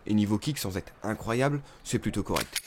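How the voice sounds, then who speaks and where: A man's voice: on the low side, expressive, fairly quick, background noise. A man with a Nord-Pas-de-Calais French accent giving a casual product review, chatty and full of little fillers. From northern France. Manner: chatty, peppers sentences with "hein" and "bah". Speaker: airsoft gun reviewer. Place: home setup, voice-over.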